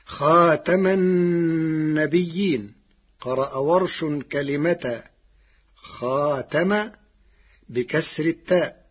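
A man teaching the variant readings of Quranic recitation in a slow, deliberate, measured lecture. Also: fairly high pitch, husky, muffled recording. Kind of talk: scripted explanatory lecture.

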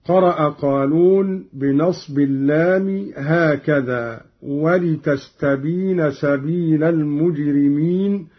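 A man with a husky, slightly high voice teaches Quran reading in a slow, deliberate way, chanting the verses he quotes. The recording sounds dull and lo-fi. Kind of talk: slow explanatory lesson with recited verses.

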